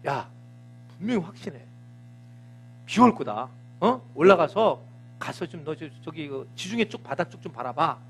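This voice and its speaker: A man voicing a confident male prophet who gives his servant low, hushed, insistent orders. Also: big pitch swings, normal speed, vocal fry, pauses often, husky, soft background music, full character voice.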